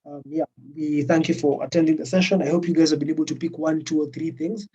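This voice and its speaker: On a video call with muffled, distant audio, a workshop organizer with an East African accent offers closing remarks, hesitant and full of fillers. He talks fast in a level tone, his slightly high voice darkish and a bit rough.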